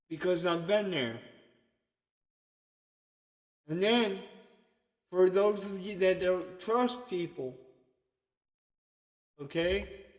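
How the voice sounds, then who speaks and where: Speaking to an online group, a man gives a casual, conversational sermon, pausing at length and asking "okay?" again and again. His voice sits high and his pace is slow, with long echoey reverb in the recording.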